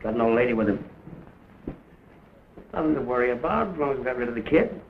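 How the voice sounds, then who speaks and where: A man's voice: mid-range voice, lively intonation, fast talker, vocal fry. A jumpy gangster henchman on dull old film. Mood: uneasy. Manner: jumpy, blunt slang. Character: nervous male gangster henchman. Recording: dull, hissy early film sound.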